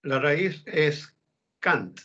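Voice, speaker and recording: A man answering his teacher's questions in an online class, slow and hesitant. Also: on the high side, lively intonation, sharp tone, lo-fi sound. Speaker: student.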